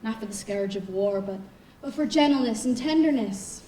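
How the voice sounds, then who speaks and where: Young woman playing a sharp, dry-witted editor. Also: on the high side, lively intonation, moderate pace, lightly acted. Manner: crisp, dryly sardonic. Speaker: actor. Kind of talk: stage acting. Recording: roomy stage from far off, faint hiss.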